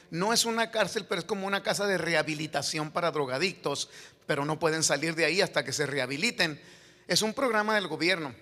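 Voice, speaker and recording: A man, a pastor telling a story in his sermon that builds to shouted preaching. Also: fairly high pitch. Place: church sanctuary. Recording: echoey hall reverb.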